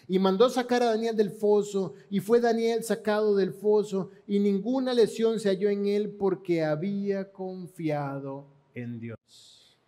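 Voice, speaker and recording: Here the same kind of sermon comes in a high voice with a warm tone: a Panamanian-accented man dramatically retelling scripture and asking his congregation rhetorical questions.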